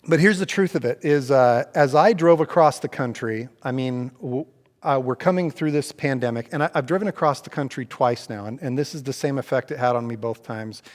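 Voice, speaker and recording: Animated man telling stories in a reverberant hall. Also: medium pitch. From Oregon, USA. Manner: animated storyteller, acts out other people's lines. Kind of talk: casual church conversation.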